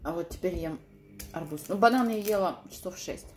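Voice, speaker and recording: Woman, low voice, mouth full of watermelon, tired casual chat, faint background noise. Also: a little fast, a little mellow. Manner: tired, chatting between bites. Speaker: mukbang vlogger. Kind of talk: casual chat while eating.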